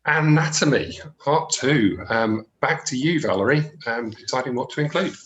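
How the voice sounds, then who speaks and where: A man with a South London accent presenting informally in a webinar, halting and often repeating his words. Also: mid-range voice, lively intonation, a bit bright.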